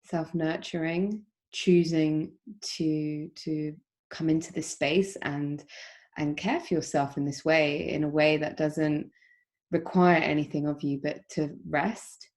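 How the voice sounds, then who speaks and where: A woman with a low, soft voice guides an online yoga session. She speaks gently and without hurry, pausing often with soft ums as she explains. Her voice comes through a video call. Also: fairly even intonation. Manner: gentle, unhurried, with frequent soft pauses and ums. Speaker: yoga teacher. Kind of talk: guided meditation instruction.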